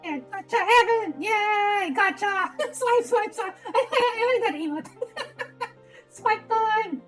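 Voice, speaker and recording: A giggly streamer whose voice comes through a voice changer, pushed very high into a girlish register. The delivery is casual chat aimed at viewers, broken up by frequent laughter. Faint game music plays underneath. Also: slow, fairly bright tone. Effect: voice changer, acting oddly today. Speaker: streamer playing and reacting.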